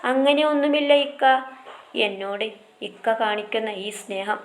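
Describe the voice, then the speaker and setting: A woman's voice: on the high side, normal speed, reverberant, close to an everyday voice. A woman reading as a tearful young bride. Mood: emotional. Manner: soft, emotional. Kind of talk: storytelling read-aloud.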